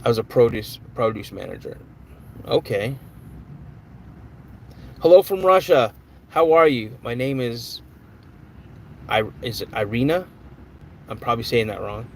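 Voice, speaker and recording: A man's voice: medium pitch, a little slow, gravelly, pauses often, slight background noise. A man hosting a live stream in a casual, chatty way, greeting viewers by name and answering their comments.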